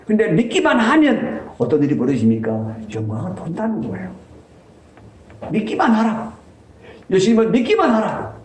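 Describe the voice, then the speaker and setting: A man's voice: high voice, huge pitch swings, normal speed, slight background noise. Male pastor preaching with insistent repetition; raised voice, echoey sanctuary sound. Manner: emphatic, repeats key lines, voice swings up for stress. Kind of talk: sermon.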